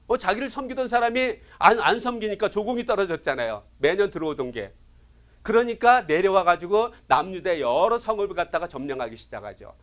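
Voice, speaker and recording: A middle-aged man teaching a Bible lecture, telling the story in a lively way, asking listeners questions and quickly acting out the kings' words. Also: high voice. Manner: acts out kings' lines in quick paraphrase.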